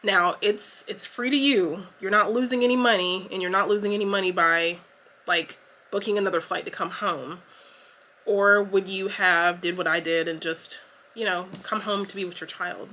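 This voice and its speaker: Young woman, bright voice, chatty emotional storytelling vlogger. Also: mid-range voice, fairly even intonation, moderate pace. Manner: chatty, emotional retelling with many fillers. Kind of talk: casual story time to camera.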